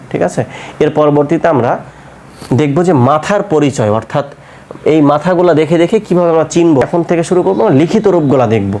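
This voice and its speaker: A man's voice: on the high side, darkish tone. Patient male teacher drilling letter sounds. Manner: repeats letter sounds slowly and often asks "right?". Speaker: Quran teacher. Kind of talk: step-by-step pronunciation lesson.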